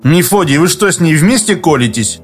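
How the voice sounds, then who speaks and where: A man's voice: fairly high pitch, animated, brisk, soft background music, natural voice. A man reading a novel aloud, voicing an irritable young woman who snaps and hisses her retorts. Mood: irritated. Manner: snapping, hissing retorts.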